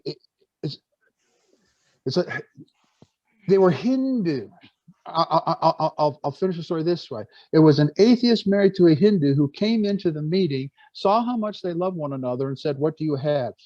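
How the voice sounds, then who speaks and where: A man's voice: a little high, warm tone, no echo, highs cut off. A man giving an earnest preaching talk to a gathering, telling stories and often stumbling and restarting his words. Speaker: speaker on church life.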